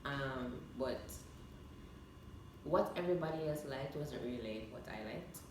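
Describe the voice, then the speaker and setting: A woman's voice: rumbling low, lively intonation, measured pace. A young woman, hosting a vlog with casual chat to camera. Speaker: vlog host. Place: echoey room. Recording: echoey room, distant mic, clear noise.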